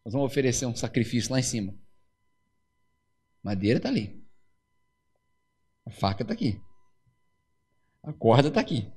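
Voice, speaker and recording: A man voicing a weary, doubtful hundred-year-old patriarch in a hushed, low, complaining tone. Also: animated, moderate pace, pauses often. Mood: hushed evasive.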